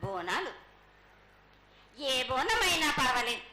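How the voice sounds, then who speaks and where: A woman's voice: sits high, very animated, takes it slowly, bright, forceful tone. A woman with a Telangana Telugu accent delivers a ritual prophecy in a trance voice as a mother goddess, speaking with authority to her children. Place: temple festival with live ambience. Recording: echoey live temple ritual with background noise.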